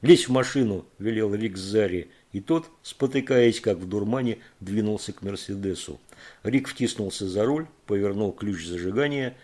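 A man reading a thriller audiobook in measured, even narration. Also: fairly low pitch.

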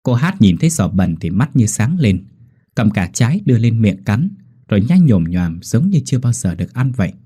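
A male storyteller, narrating a script with animated, expressive delivery. His voice is low and mellow, with a husky texture and lively pitch. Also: moderate pace.

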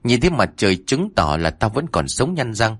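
A man's voice: on the low side, very animated, brisk, slightly rough, dry recording, studio quality, full character voice. A man voicing a cocky, boastful drunk young village man in a horror story.

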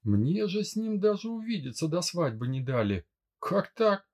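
A man's voice: high-pitched, very animated, normal speed, a little mellow, voice pushed up, heavily acted. A man reading a young woman in an audiobook, stubborn and pleading in turns. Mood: indignant. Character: young woman, headstrong bride-to-be. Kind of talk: audiobook character voice.

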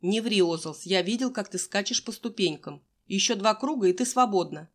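A woman's voice: mid-range voice, moderate pace, lightly acted. A woman voicing a stern male gym teacher who barks curt orders, in an audiobook.

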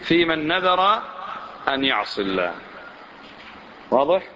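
A man's voice: fairly high pitch, big pitch swings, unhurried, pushed and bright. A middle-aged man teaching a religious lesson as a sheikh, who questions his listeners and repeats points for emphasis, heard on a dull lo-fi recording. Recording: dull lo-fi recording with faint hiss.

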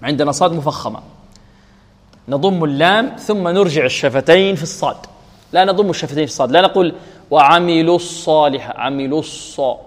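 A man teaching Quran recitation. He asks questions and answers them himself, drills syllables slowly and chants the verses he uses as examples. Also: on the high side. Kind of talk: tajweed lesson with drills. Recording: recording with long reverb.

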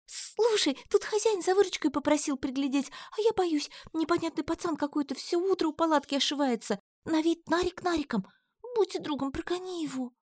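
A flighty young female trader chatters in a shrill, excited voice, as a woman narrator puts her on. She flits between pleading and coquettish teasing, words tumbling out fast and high. The sound is dry and close. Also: no echo.

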